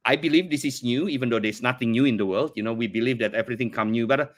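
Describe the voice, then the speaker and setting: A man's voice: mid-range voice, very fast, a bit bright. Earnest Indonesian-born middle-aged man. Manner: earnest, repeats words while searching for phrasing. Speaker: company CEO, podcast guest. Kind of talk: conversational interview.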